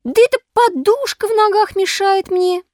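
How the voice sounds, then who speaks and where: A woman's voice: normal speed, a little mellow, dry recording, studio quality. A woman voicing a stubborn wooden puppet boy who whines and pleads in a storybook reading. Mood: whiny. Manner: whining, pleading, shrill.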